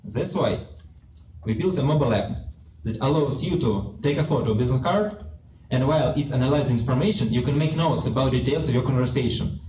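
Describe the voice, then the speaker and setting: A young man with a strong Russian accent presents a product to a room in simple, halting English. His pitch sits in the middle for a man. The recording is echoey and distant, with clear background noise. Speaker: startup presenter. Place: large open office event space, indoors.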